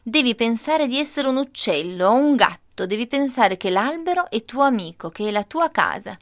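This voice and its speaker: A kindly old grandfather with a gentle, coaxing way of talking, patient and playful as he teaches a child, put on by a woman reading a children's storybook. The sound is close and dry, with no room around it. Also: extremely high pitch, expressive, moderate pace, no room sound, exaggerated voice. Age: older.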